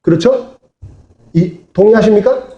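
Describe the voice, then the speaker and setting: Preaching in a church sanctuary, a pastor asks the congregation to echo him and respond during his sermon. He speaks in a high, mellow voice at a measured pace. The sound is lo-fi, with the echo of a church hall.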